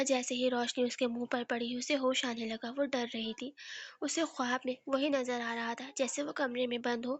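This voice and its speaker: A woman narrator reading a romance novel aloud in a steady, even manner. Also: high voice, no room sound.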